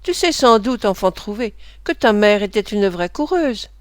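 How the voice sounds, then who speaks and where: A woman's voice: medium pitch, animated, normal speed, smooth, no room sound, clean studio sound, close to an everyday voice. A woman reading aloud and voicing a taunting young apprentice boy who mocks an orphan, then screams for help. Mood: sneering. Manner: mocking, then shrieking for help. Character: bullying charity-boy apprentice, sneering.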